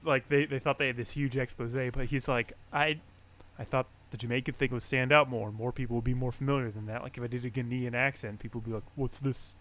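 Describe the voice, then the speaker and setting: A man's voice: mid-range voice, fast. A man co-hosting a podcast, casually retelling a story with lots of fillers and frequent laughs. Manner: relaxed, filler-heavy retelling, laughs often. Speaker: podcast co-host. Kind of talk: casual chat.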